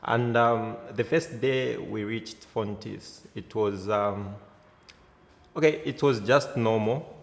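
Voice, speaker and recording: A man's voice: fairly low pitch, takes it slowly, vocal fry. A young man from Zambia, an exchange student, answers interview questions hesitantly, with many fillers. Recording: hall reverb.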